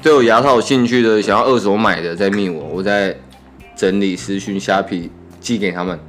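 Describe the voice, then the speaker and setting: A young man with a Taiwanese Mandarin accent speaks in a low register. His words are a little thick and muffled, as he talks with braces on. He hosts casually, in a laid-back, joking way. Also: brisk, soft background music. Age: 20s. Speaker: podcast host. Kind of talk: casual chat.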